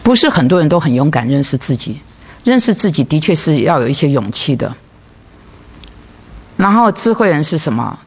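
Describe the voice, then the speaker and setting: A woman's voice: low voice, slightly rough. A woman preaching a sermon, asking rhetorical questions and acting out everyday conversations. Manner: asks rhetorical questions and acts out everyday dialogue.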